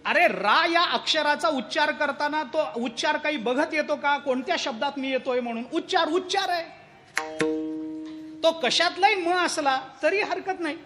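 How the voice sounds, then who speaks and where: A man's voice: very high voice, moderate pace, over music. A man preaching a devotional kirtan, telling a story and asking the audience rhetorical questions.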